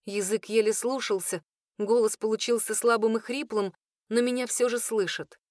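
A woman reading a first-person fantasy audiobook in a steady, expressive voice, close to the mic. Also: fairly high pitch, moderate pace, dry recording. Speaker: audiobook narrator.

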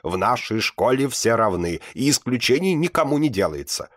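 A man's voice: medium pitch, very animated, normal speed, no room sound, studio quality, voice pushed up, close to an everyday voice. A man voicing a pompous older school director who drones on, in an audiobook reading. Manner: pompous, droning.

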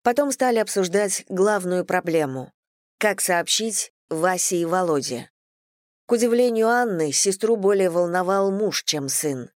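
A woman narrating an audiobook in a steady storytelling manner. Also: lowish voice, a little slow, dry recording, studio quality. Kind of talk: scripted narration.

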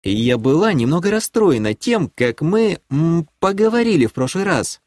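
A man voicing a haughty, scheming noblewoman who leads a clan in an audiobook; he raises his voice to play her, and she talks in a sweetly condescending way that turns sharp. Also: on the high side, big pitch swings, normal speed, dry recording, studio quality, pitched above the performer's own voice. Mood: sweetly reproachful. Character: haughty scheming female baroness, clan leader.

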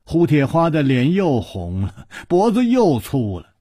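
A man narrating a story in an animated, dramatic radio storytelling style. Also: on the high side, a little slow, husky, dry recording, studio quality.

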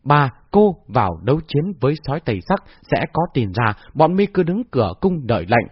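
A man voicing a fierce, bossy old female owl-queen who shouts abuse, in a husky voice on a dull, dry recording. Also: medium pitch, sing-song, moderate pace, no echo. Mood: commanding. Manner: shouting, abusive.

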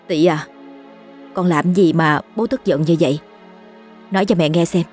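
Worried mother, read by a woman, protective, pressing questions, low-pitched. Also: moderate pace, darkish tone, soft background music, close to an everyday voice. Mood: anxious.

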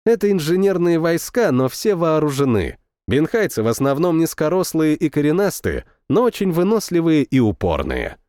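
A man's voice: fairly high pitch, big pitch swings, normal speed, few pauses, darkish tone, no room sound. A man reading a first-person war story in a matter-of-fact way, close to the mic. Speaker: audiobook narrator. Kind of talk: first-person audiobook narration.

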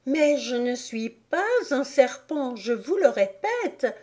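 A woman doing a sincere, polite little girl from an audiobook. She protests earnestly in a raised, youthful voice. The pace is slow and deliberate. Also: on the high side, lively intonation, darkish tone, voice pushed up. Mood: protesting. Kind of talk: audiobook character voice.

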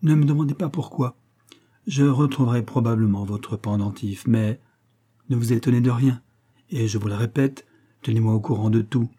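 Male reader as a poised young female investigator, brisk and dark-toned. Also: mid-range voice, breathy edge, close to an everyday voice. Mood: firm. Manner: composed, brisk instructions. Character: young woman sleuth, calm and self-assured.

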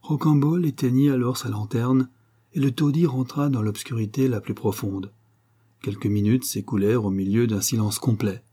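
A man narrates a classic novel as an audiobook in a steady, measured read. His voice is dark and mellow, with a husky grain. He sits at a middle pitch. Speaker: audiobook reader.

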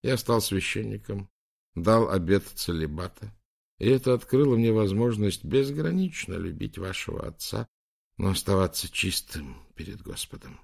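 A soft-spoken old bishop, sorrowful and devoted, as a man reads him aloud in an audiobook. His voice sits deep and gravelly, hushed and confiding, like a confession in a quiet room. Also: animated, moderate pace. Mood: confessing.

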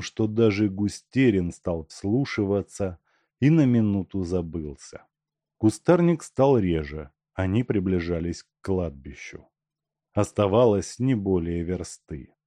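Male audiobook narrator, expressive, very animated intonation. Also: lowish voice, no room sound. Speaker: audiobook reader. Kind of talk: scripted narration.

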